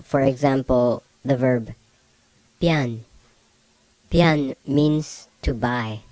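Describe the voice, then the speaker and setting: A man teaching a beginner language lesson, saying each word slowly and repeating it several times. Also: medium pitch, darkish tone, dry recording.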